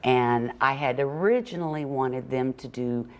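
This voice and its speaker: An older woman with an extremely low-pitched voice speaks a little slowly as a guest on a TV morning show. A children's book author and illustrator, she answers conversationally in a plainspoken, storytelling way.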